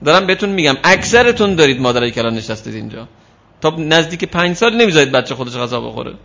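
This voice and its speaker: A man's voice: a little high, sing-song, creaky, a bit bright, muffled recording. A man giving an earnest lecture on parenting to a class of parents, switching between casual talk and reading a story aloud.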